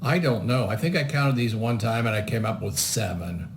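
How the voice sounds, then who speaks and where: A man's voice: medium pitch, animated, moderate pace. An older man co-hosting a children's show, chatting with dry, joking asides. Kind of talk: kids show chat with co-host. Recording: home recording with background noise.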